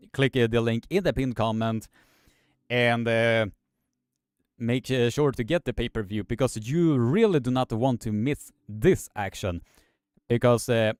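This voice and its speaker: A man's voice: medium pitch, darkish tone, clear, resonant tone, no echo, clean studio sound. A man hosting a live stream, reading chat comments aloud in a hesitant way, with many filler sounds.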